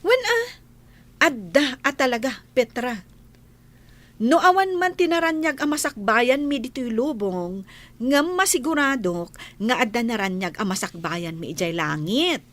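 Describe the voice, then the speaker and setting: A woman with an Ilocano accent, her voice a little high and a bit bright with lively intonation at a measured pace, performs a radio comedy-drama role. She is an outspoken, devout villager who preaches at and scolds the gossips with emphasis.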